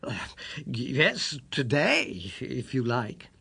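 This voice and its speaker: A man voicing a genial, modest young British doctor in an audiobook, husky and amiable, a little hesitant and puzzled. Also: medium pitch, sing-song, very slow, bright, forceful tone, exaggerated voice. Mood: amiable, agreeable.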